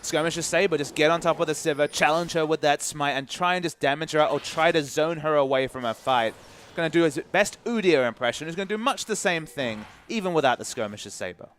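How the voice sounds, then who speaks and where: A man commentating an esports match, analytical and measured in his play-by-play. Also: on the high side, a bit bright.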